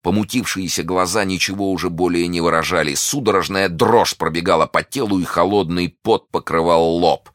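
Deep-voiced man reading a novel aloud. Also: moderate pace, few pauses, no echo, studio quality. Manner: expressive, dramatic. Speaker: narrator. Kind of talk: audiobook reading of a classic novel.

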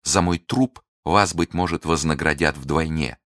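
A man's voice: very deep voice, a little slow, fairly bright tone, no room sound, clean studio sound, full character voice. A man voicing a desperate, scheming noblewoman in an audiobook reading, pleading and accusing with passion. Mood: bitter pleading. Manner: impassioned, pleading then accusing.

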